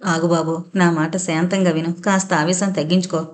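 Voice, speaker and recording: A woman's voice: lowish voice, level tone, normal speed, lightly acted. A woman reading out the lines of an anxious older mother who begs her son to stop, in an audio novel. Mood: pleading. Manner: pleading.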